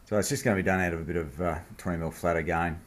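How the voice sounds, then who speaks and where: Low-voiced Australian man in a workshop. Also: steady tone, very fast, slight background noise. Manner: laid-back, blokey, informal. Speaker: host of a machining project video series. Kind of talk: casual hands-on workshop vlog, explaining the job. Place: home workshop.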